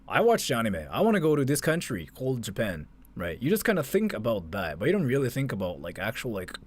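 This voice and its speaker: A man with a medium-pitched voice hosts a livestream, offering casual, off-the-cuff reactions. He rambles conversationally and leans heavily on filler words like "like."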